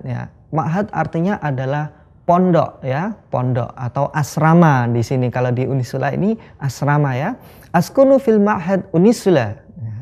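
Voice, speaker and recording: Mellow-voiced, patient language teacher. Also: mid-range voice. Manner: patient, ends phrases with a tag "ya", repeats each example slowly. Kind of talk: recorded language lesson. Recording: dull lo-fi recording.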